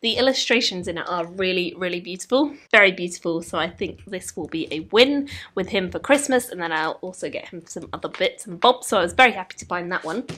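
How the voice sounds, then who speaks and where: A woman's voice: fairly low pitch, animated, brisk, few pauses, a bit bright. A young woman in her twenties, vlogging casually and enthusiastically about books and bookshops, chatting in a rambling way. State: tipsy. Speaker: book vlogger. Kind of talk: casual vlog chat. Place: indoors at night.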